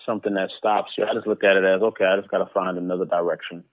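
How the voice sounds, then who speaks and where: A comic book publisher with a deep voice is interviewed as a guest, talking casually at a racing pace with flat delivery and often repeating words and phrases. There's no room sound, and the line is muffled and phone-like.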